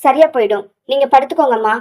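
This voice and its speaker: A woman's voice: sits high, quick pace, close to an everyday voice. A woman voicing a hot-tempered young husband who demands answers, in an audio novel. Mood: heated. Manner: shouting, demanding.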